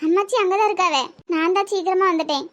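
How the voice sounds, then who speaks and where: A tearful young village woman in a cartoon comedy, voiced by a performer, pleading softly in a Tirunelveli Tamil accent. her voice sits very high and squeaky. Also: quick pace, dull audio. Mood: sad.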